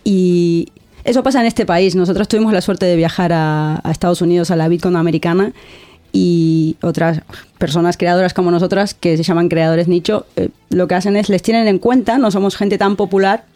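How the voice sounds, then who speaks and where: A woman with a warm, low-leaning, steady voice talks a little fast in a casual interview, where she appears as a content creator from Argentina. With her Argentine accent, she is earnest and reflective, restarting words often and adding "¿no?".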